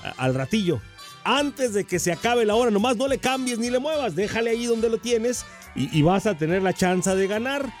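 A man hosting a morning radio show, with energetic, sing-song announcing. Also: high-pitched, normal speed. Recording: radio broadcast with music behind.

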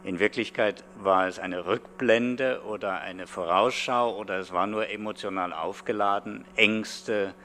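A man's voice: lowish voice, steady tone, unhurried, few pauses, pushed and bright. A man, a professor, giving analytical commentary in an interview. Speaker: philosophy professor. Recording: humming, faintly noisy background.

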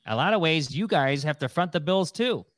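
A middle-aged man hosts a casual podcast chat. He rambles along with plenty of "um" and "you know," and his voice sits a little high for a man. The sound is dry and close, with almost no room echo. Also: lively intonation, normal speed, a bit bright. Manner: rambling, chatty, many fillers. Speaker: podcast host.

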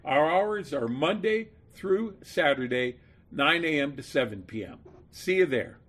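A husky-voiced man reading a scripted radio advert for his own store. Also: fairly high pitch, lively intonation, measured pace, fairly bright tone.

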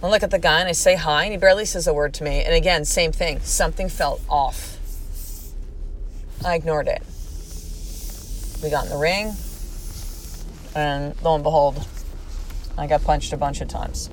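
A woman's voice: low voice, normal speed, long pauses, slight background noise. A woman in her forties, a podcast host telling a personal story in a candid, profane way, acting out what people said. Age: 40s. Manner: candid and profane, animated retelling with quoted speech.

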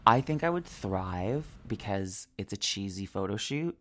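A woman's voice: a bass voice, lively intonation, measured pace. A woman co-hosting a podcast in casual chat, playful and theatrical, joking and swearing for laughs. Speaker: podcast co-host.

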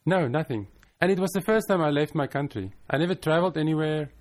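A middle-aged man from South Africa talks as a podcast guest in a studio. He is friendly and easygoing, repeats his phrases and laughs easily, and his voice sits a little high. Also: lively intonation, fast talker, a little mellow. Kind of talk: conversational interview. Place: office studio.

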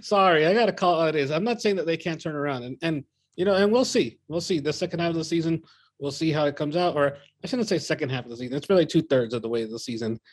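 A man with a slightly high-pitched voice chats casually as a podcast co-host. His delivery is informal and meanders from thought to thought. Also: quick pace. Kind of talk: casual sports podcast chat.

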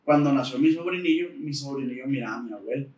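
A man's voice: medium pitch, fast, breathy edge. A man with a Mexican accent, a podcast guest telling a story in casual slang and acting out the dialogue. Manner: slangy, animated, acts out quoted dialogue.

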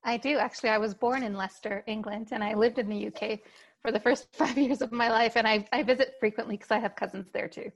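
A woman's voice: a little high, steady tone, brisk, vocal fry, low-quality recording. A woman with a Canadian accent answering conversationally as an interview guest.

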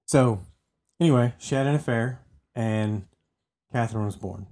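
A man's voice: mid-range voice, normal speed, a little mellow. A man co-hosting a casual true-crime podcast, chatty and often repeating words as he restarts. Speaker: podcast co-host telling the story.

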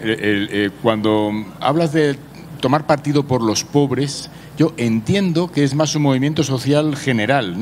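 A medium-pitched man with a Spain accent speaks in an unscripted discussion. He is tentative and rephrases as he goes, over a faint background noise. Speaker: discussion participant.

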